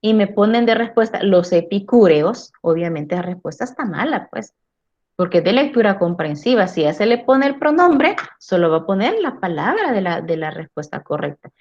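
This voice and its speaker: In a dull, lo-fi recording, a woman lectures a philosophy class at normal speed, her medium-pitched, darkish voice very animated. She frequently uses tag questions to check in and repeats words while gathering her thoughts.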